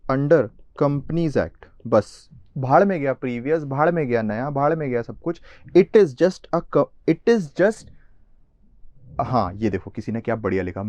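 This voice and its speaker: The speaker is a young Indian-accented man whose mid-range voice has a darkish tone. Lecturing live online, he chats casually with his students, speaking to them directly and mixing in English terms. The dry recording comes across as slightly dull and lo-fi.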